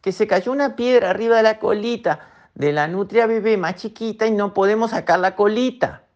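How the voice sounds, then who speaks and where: A frantic young otter girl calls out high and urgent, put on by a woman storyteller. Her calls come breathless and pleading. The recording sounds dull. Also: normal speed, a little mellow, lightly acted.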